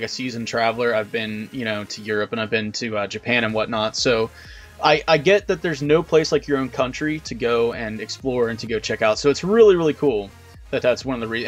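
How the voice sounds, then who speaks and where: A man hosting a casual video interview, chatting informally and wordily with some swearing. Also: mid-range voice. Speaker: host of a video channel.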